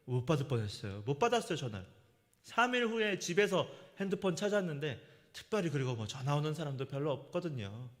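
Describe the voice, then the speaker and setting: A man's voice: a little high, a bit bright. A middle-aged man preaching a sermon as a pastor, telling a personal story and acting out the lines he quotes. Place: church sanctuary. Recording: long church-hall reverb.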